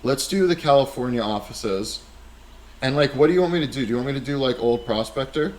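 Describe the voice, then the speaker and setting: A man hosting a podcast, chatting casually in an animated, joking way. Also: medium pitch, a little fast, poor audio. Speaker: podcast host. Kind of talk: casual chat.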